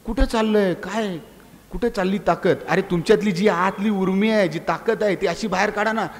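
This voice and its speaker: A middle-aged man with a high voice lectures students in a big hall, and the long reverb rings after each phrase. He speaks as a police inspector, pressing them with rhetorical questions and half-scolding appeals. The delivery is a lively public speech. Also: moderate pace. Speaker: police inspector giving a talk. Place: college auditorium.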